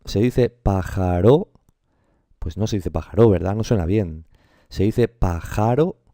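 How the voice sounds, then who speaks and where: Patient teacher with a dark voice. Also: male voice, fairly low pitch, normal speed, dry recording, studio quality. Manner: patient, explains step by step with frequent "¿vale?"; drawls out example words to show syllable stress. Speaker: language teacher. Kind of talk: classroom explanation to camera.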